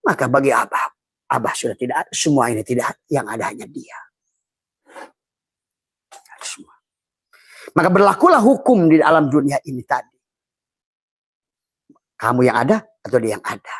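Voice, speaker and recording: Husky-voiced middle-aged spiritual teacher. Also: male voice, medium pitch, very animated, moderate pace, long pauses, a bit bright, no echo. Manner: chuckles often between phrases; calls himself a fatherly elder, addresses listeners as friends.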